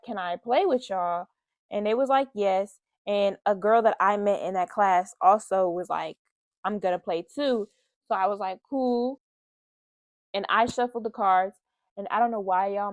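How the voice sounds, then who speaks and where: A woman's voice: mid-range voice, no echo. A young woman vlogger telling a casual storytime, chatty and talking straight to her viewers. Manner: chatty, addresses viewers as y'all.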